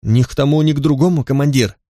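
A man voicing a calm, composed young male recruit who answers his commander politely in an audiobook. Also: medium pitch, fast, no room sound, studio quality, natural voice.

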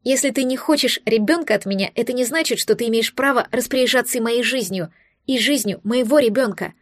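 A woman voicing a fierce, protective young pregnant heroine who speaks in sharp outbursts in an audiobook. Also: fairly high pitch, brisk, no room sound, studio quality, close to an everyday voice. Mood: furious.

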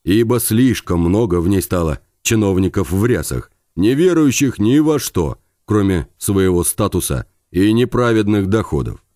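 A man reading a novel aloud, voicing a calm, grave priest who speaks in a measured, solemn way. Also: on the low side, no echo, clean studio sound.

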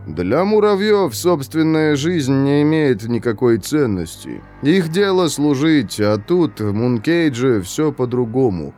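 A detached young convict in his twenties lays out the rules of survival slowly and evenly, as a male audiobook reader puts him on. His delivery is measured and lecturing, his pitch rising and falling freely. A faint music bed runs underneath. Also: big pitch swings, a little mellow. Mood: calm lecturing. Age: 20s.

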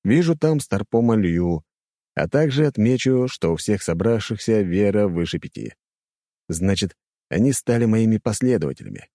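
Low mellow male audiobook narrator. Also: normal speed, no echo, clean studio sound. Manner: expressive storytelling. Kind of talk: scripted first-person narration.

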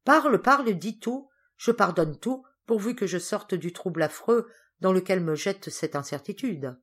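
A woman reading the part of an anxious, quick-tempered father, in an excitable, exclamatory way. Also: on the low side. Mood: agitated.

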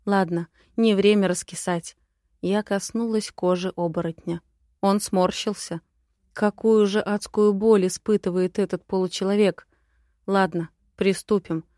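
A young adult woman narrating a fantasy audiobook in the first person, with an expressive, inner-monologue reading. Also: mid-range voice, no echo, clean studio sound.

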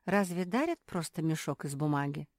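A woman's voice: sits low, lively intonation, moderate pace, a little mellow, dry recording, studio quality. A woman voicing the youngest dog sister, curious and blunt, asking matter-of-fact questions in an audiobook. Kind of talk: audiobook character voice.

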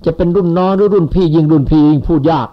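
A man's voice: a little high, racing. A man in his seventies giving a rambling, folksy Buddhist sermon to followers. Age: 70s. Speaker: Buddhist teacher. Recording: lo-fi dull recording.

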